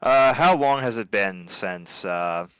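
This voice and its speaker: A man's voice: on the low side, lively intonation, takes it slowly, fairly bright tone, clear, resonant tone, no room sound, soft background music. A man playing in a tabletop game, easygoing, asking questions and tripping over his words. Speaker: player. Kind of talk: casual chat at a tabletop game.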